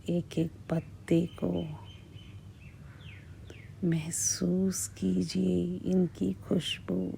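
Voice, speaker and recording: A woman speaks as a hypnotist, very slowly and in an even, low-key tone. Her breathy voice often sinks toward a whisper and repeats soothing suggestions with long pauses. A faint hiss sits behind her. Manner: hushed, repetitive, measured delivery with long pauses. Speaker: hypnotist guiding a relaxation session. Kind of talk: slow, soothing guided hypnosis.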